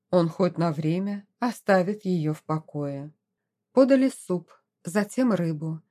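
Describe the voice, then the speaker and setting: A woman reading a romance novel aloud as an audiobook, in an expressive, dramatic way. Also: mid-range voice. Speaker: audiobook narrator. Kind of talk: scripted narration.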